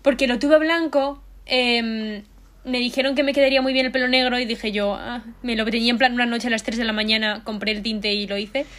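A young woman interviewing someone in a relaxed, chatty way, passing on questions from fans. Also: fairly high pitch, a little fast, a little hiss or hum. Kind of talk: casual conversation.

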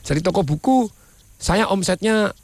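A middle-aged man, a business owner, telling folksy, animated stories in casual talk. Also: high-pitched, normal speed, no echo.

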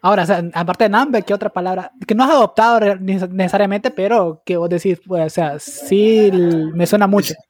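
A man's voice: sits high, a little fast, few pauses. A man hosting a casual chat, asking questions with lots of fillers.

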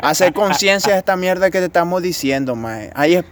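A man's voice: high voice, lively intonation, fairly quick, crowd noise. A young man with a Nicaraguan accent telling joking anecdotes in crude casual chat, acting out quoted lines.

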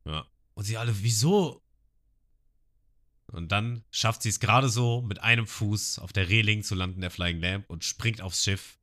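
A man's voice: fairly low pitch, moderate pace, pushed and bright. A man co-hosting a casual podcast, retelling an anime episode scene by scene and acting out the lines. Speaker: podcast co-host.

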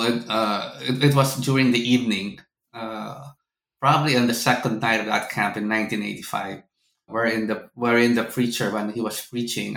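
A middle-aged Filipino seminary professor, appearing as a podcast guest, tells his own story conversationally in an interview, with a Filipino accent. His voice is fairly low, creaky, and fairly bright in tone. The recording sounds roomy and echoey.

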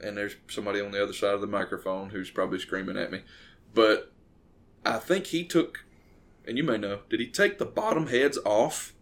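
A man's voice: lowish voice, fairly quick, fairly bright tone. A man, chatting on a podcast in a hesitant, rambling way as he searches for words. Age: 30s. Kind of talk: casual podcast chat.

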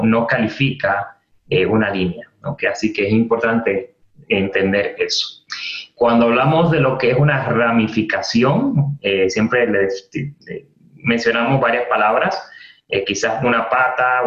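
Man explaining a training webinar, roomy. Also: medium pitch. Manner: explanatory, frequent fillers and restarts, repeats key terms. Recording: roomy, dull lo-fi webinar audio.

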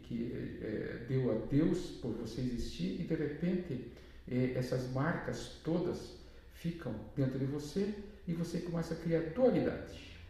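A man's voice: fairly high pitch, gravelly, dark tone. A man with a Brazilian Portuguese accent, a therapist giving a casual spiritual talk in a chatty way, often tagging his sentences with little questions. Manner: chatty, frequent tag questions. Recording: very echoey room, voice from far off.

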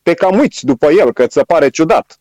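A man's voice: on the high side, animated, a little mellow, no room sound, low-quality recording. Chatty man telling stories, dry sound. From Romania. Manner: anecdotal, chatty, laughs while telling stories. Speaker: guest, former world rowing champion. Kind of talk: casual radio interview chat.

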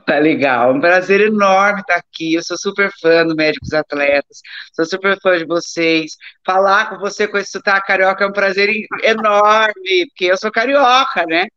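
A middle-aged Brazilian woman, born in Rio and raised in Taubaté, speaks at a moderate pace in a medium-pitched, slightly bright voice. A doctor and amateur athlete, she's an interview guest chatting informally about her life, digressing and repeating words for emphasis. The live-stream audio is dull, lo-fi, and echoey.

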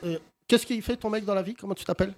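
A man's voice: high voice, quick pace, darkish tone, slight background noise. A man hosting with casual, teasing banter, often laughing as he needles his guests. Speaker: show host.

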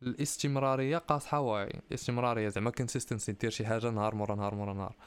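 A young man speaks with a Moroccan accent at a rapid-fire pace. His voice is crisp and sounds dry and close. He hosts casually, pressing his advice emphatically and mixing in French and English. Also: medium pitch, steady tone, no room sound. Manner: mixes Arabic with French and English phrases; emphatic, motivational advice-giving. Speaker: podcast host. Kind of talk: casual chat, answering listener questions.

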